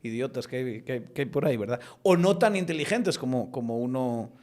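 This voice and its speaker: A middle-aged man from outside Guatemala hosting a casual podcast conversation, talkative and often checking in with a quick question. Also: mid-range voice, expressive, darkish tone. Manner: talkative, often asks "¿verdad?".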